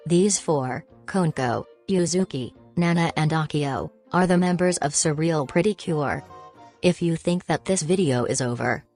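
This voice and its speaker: A woman's voice: low voice, darkish tone. A woman narrating a fan explainer video in a casual, offhand, self-deprecating way, speaking into a home microphone.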